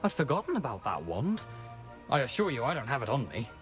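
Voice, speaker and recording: Brief: wry, genteel ghost gentleman for a game, lively sing-song delivery, faint music under it. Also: medium pitch, fairly quick. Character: ghost of a beheaded, mischievous gentleman. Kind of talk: video game voice acting.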